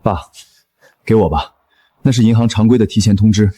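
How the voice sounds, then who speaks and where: A man's voice: on the low side, fairly quick, breathy edge. A man voicing a principled farmer who talks firmly and steadily. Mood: resolute. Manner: firm, steady. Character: stubborn farmer and machine operator, principled. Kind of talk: drama voice acting.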